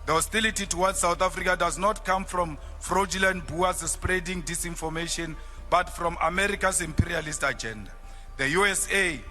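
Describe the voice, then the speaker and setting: Forceful man making a parliamentary speech. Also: high voice, big-room sound. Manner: forceful and declamatory. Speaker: politician.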